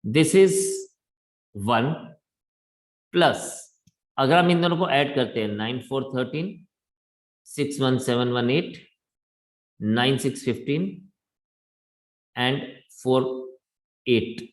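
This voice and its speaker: A man teaching math in a classroom lecture, talking slowly and deliberately in a mix of Hindi and English. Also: medium pitch.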